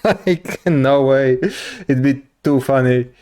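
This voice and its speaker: A reaction channel host in his thirties talks slowly at a medium pitch, with crowd noise in the background. He rambles casually through the video, leaning heavily on fillers and laughing often.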